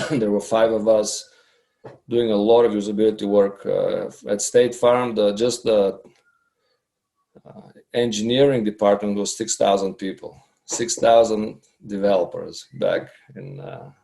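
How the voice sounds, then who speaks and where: Man, 50s, gravelly and monotone, halting podcast guest. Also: lowish voice. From Bulgaria. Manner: hesitant, many fillers and restarts. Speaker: guest, customer researcher. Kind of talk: casual interview talk.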